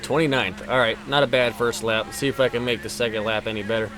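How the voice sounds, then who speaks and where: Streaming a racing game, a man in his twenties rattles off casual, profanity-laced commentary and jokes around with his viewers. His medium-pitched voice is steady in tone and fast.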